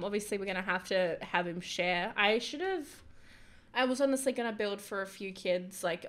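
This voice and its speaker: Chatty woman narrating a life-sim game. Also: mid-range voice. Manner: chatty, excitable, drifts into whispered asides. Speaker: gaming YouTuber. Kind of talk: casual gameplay commentary.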